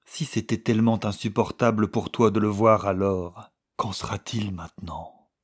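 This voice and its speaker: A man's voice: lowish voice, steady tone, moderate pace, husky. A man voicing a frightened, weary old husband in an audiobook reading, shaky and hesitant. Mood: trembling.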